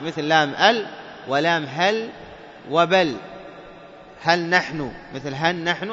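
A man teaching the rules of Quran recitation. He quizzes listeners with questions and chants the examples slowly. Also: on the high side, bright, forceful tone. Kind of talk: tajweed lesson. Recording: dull lo-fi sound with long reverb.

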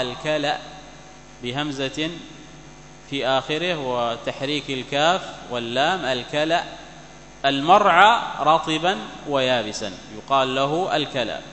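A man's voice: fairly high pitch, pushed and bright. A man giving a religious lesson, reading a classical text aloud and explaining it, often repeating key words for emphasis. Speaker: Islamic teacher explaining a hadith text. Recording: echoey hall with faint hum.

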